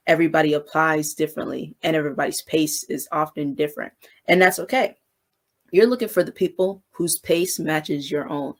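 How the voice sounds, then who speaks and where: A woman who mentors people in faith-based business gives a casual, high-energy devotional talk about business relationships. She keeps asking "you know what I'm saying."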